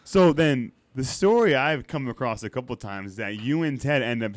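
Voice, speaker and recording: A male podcast host chatting casually with his guest. His voice is mid-pitched and dry, close to the mic. He drops in quick reactions and laughs often. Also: expressive, dry recording. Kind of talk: casual interview chat.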